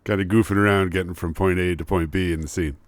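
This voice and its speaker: A man's voice: deep voice, fairly even intonation, fast, dry recording. A man co-hosting a podcast, chatting casually and adding laid-back, dry quips. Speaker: podcast co-host. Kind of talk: casual chat.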